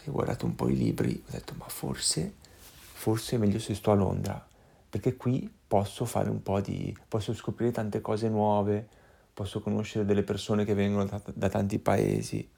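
A man telling his child a story from his own life, acting out sounds and voices with lively energy. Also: lowish voice, moderate pace, vocal fry, slightly rough. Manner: animated, acts out voices and sounds.

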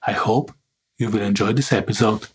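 A man with a lowish, steady voice hosts an interview podcast at a normal speed, and the recording is very noisy. He talks conversationally, padding his sentences with filler phrases and frequently interjecting "let's say."

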